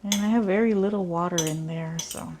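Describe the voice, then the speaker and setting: In her home kitchen, a woman from the Philippines, a native Tagalog speaker, vlogs a cooking demo, talking casually and thinking out loud with many fillers. She speaks fairly quickly in a mid-range voice, with kitchen noise and the clatter of pots and cutlery clearly audible.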